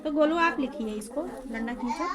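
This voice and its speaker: A woman with a high voice coaches a young pupil one-on-one, coaxing him along and asking the same simple questions again and again. Behind her, a room full of children chatters and clamors. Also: normal speed, a crowd in the background. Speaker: home tuition teacher. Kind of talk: one-on-one tutoring of a small child.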